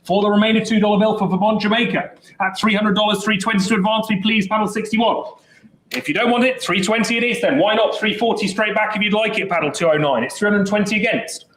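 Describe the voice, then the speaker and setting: Echo from the saleroom fills this roomy recording of a man calling bids at a live auction. His voice is high and lively, and he keeps the chatter quick and full of jokes.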